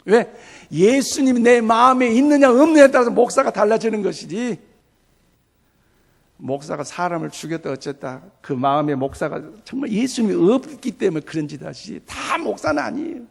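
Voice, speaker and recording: A male pastor preaching a Sunday sermon, telling a story with soft asides and sudden loud, emphatic bursts. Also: sits high, lively intonation, normal speed, vocal fry.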